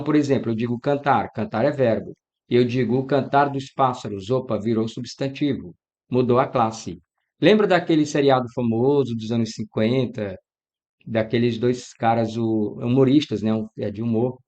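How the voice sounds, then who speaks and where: Here the same kind of lesson comes through a medium-pitched male voice, again missing its high frequencies. The Brazilian Portuguese teacher covers exam-prep grammar with energy, addressing students directly and playing out the questions they might ask.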